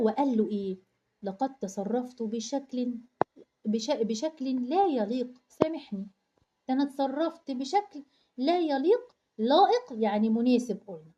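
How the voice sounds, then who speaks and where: Egyptian woman, primary teacher, drills word meanings with questions, higher mellow voice, dull lo-fi sound. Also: slight background noise. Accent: Egyptian Arabic. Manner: asks questions and answers them herself, repeating word meanings. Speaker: primary school Arabic teacher. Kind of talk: online reading lesson for young children.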